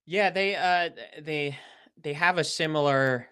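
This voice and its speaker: A man hosting a casual podcast, speaking thoughtfully with hesitant pauses and fillers. His voice is smooth and resonant. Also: on the high side, pushed and bright. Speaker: podcast host. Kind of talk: casual discussion.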